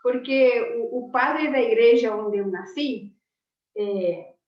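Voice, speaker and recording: A woman in her forties talks on a video call with a slightly high voice, chatty and affectionate. She sounds distant from her laptop mic, in a roomy space with a dull, muffled tone. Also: slow pace. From Argentina. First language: Spanish. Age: 40s. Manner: chatty and affectionate, laughs often. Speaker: teacher. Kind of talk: casual chat on a video call.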